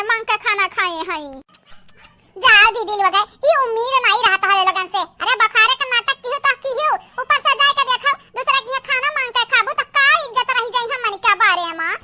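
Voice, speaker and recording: A woman performs squabbling, over-the-top village women for a homemade comedy cartoon, scolding and exclaiming in an eastern Uttar Pradesh accent with a pitched-up effect. Her tone is sharp and reproachful, heavily acted, with a little hiss or hum in the background.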